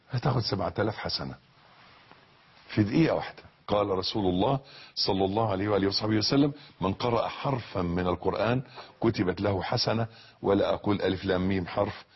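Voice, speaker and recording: A male preacher with an Egyptian accent delivers a fervent sermon, repeating phrases and moving between hushed passages and shouts. His voice sits low and has a husky edge. The recording sounds dull and lo-fi. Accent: Egyptian Arabic. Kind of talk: religious sermon.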